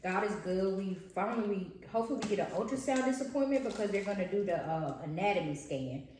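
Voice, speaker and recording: A woman's voice: medium pitch, animated, fast, a little mellow. A young pregnant woman chatting casually to her viewers while eating, often calling them y'all. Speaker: vlog co-host. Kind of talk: casual chat over a meal. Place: restaurant table, indoors. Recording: very echoey room, faint noise.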